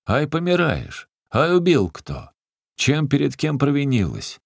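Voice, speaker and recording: A huge, tipsy village strongman, as a man puts him on bellows gruff scoldings in a gravelly bass. His voice is booming and rough. It sounds close and dry. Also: expressive, a little slow, a little mellow, no echo, exaggerated voice. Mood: gruff shouting.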